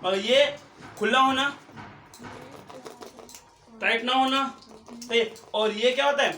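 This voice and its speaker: A man's voice: very high voice, slow, pushed and bright. A male teacher explaining physics to a class, mixing English phrases into his talk and repeating questions to the students. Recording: echoey classroom, mic far off. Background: students' voices.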